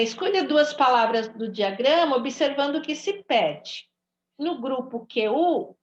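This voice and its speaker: A woman with a Brazilian Portuguese accent, teaching an online Portuguese lesson to young children and stretching out each word slowly. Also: high voice, reverberant, muffled recording. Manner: slow, drawn-out word-by-word dictation. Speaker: primary school teacher.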